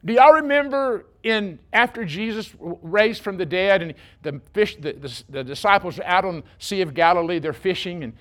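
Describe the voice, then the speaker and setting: A man's voice: sits high, lively intonation, moderate pace, hardly any pauses, fairly bright tone. A man preaching a sermon, folksy and joking, speaking directly to his congregation. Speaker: pastor.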